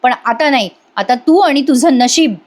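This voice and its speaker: A woman's voice: high-pitched, animated, moderate pace. A woman voicing a weary husband from a TV serial who refuses to help his wife. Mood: fed up.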